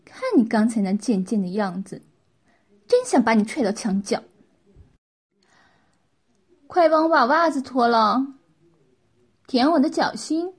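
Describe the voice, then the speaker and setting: A woman's voice: a little high, lively intonation, unhurried, pauses often, husky. A woman voicing a bossy, playful young wife who teases and gives orders in a story reading. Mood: teasing. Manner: teasing, commanding.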